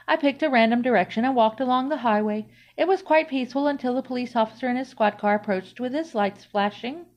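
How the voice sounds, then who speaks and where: Woman reading a story aloud. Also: a little high. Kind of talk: first-person story narration. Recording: slightly dull, lo-fi audio.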